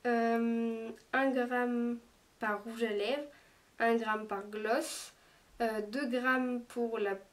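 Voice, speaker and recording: A woman's voice: fairly high pitch, steady tone. A woman reviewing makeup in a casual, chatty way, hesitating often as she talks. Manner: chatty, hesitant, lots of small pauses. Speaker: beauty vlogger. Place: room lit by daylight. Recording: voice a bit far from the mic.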